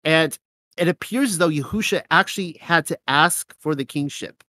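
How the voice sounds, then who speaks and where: A man with a cold reads scripture aloud as host of a scripture reading show, his voice a little high and slightly nasal, bright and forceful at a moderate pace. He reads the verses steadily, then comments loosely and casually with fillers.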